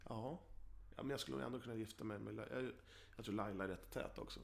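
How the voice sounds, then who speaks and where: A man's voice: on the low side, creaky. A young man in casual podcast chat, bantering with crude jokes. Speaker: podcast co-host.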